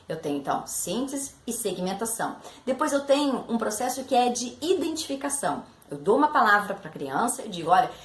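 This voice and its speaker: A woman with a Brazilian Portuguese accent, a literacy education professor, explaining step by step with concrete examples and talking directly to her listeners. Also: medium pitch. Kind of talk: explanatory teaching talk. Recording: echoey room with faint background noise.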